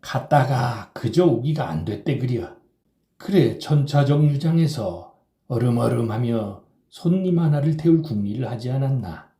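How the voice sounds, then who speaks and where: A man voicing a drunk, boisterous middle-aged rickshaw puller who shouts and slurs in an audiobook reading. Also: medium pitch, expressive, a little slow, roomy sound, voice pushed up. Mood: drunken storytelling. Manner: loud, slurring drunken shouting.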